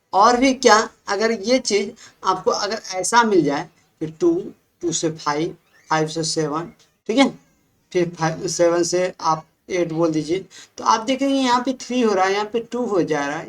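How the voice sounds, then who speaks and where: A woman's voice: lowish voice, expressive, moderate pace. A woman teaching a maths class in Hindi with a Bihari accent. She explains patiently, repeats herself and keeps checking with the students.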